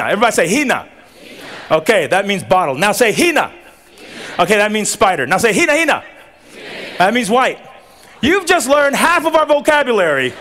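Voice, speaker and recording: Speaking from an outdoor graduation tent stage, a high-pitched commencement preacher from Tonga, Tongan by first language, keeps his sermon lively. He jokes around, moves with animation, and trades call-and-response with the audience.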